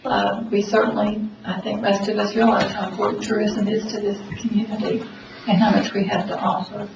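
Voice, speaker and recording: A woman's voice: mid-range voice, vocal fry. A woman speaking through a face mask, making formal meeting remarks as board chair. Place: public board meeting room. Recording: echoey room, distant, dull, noisy.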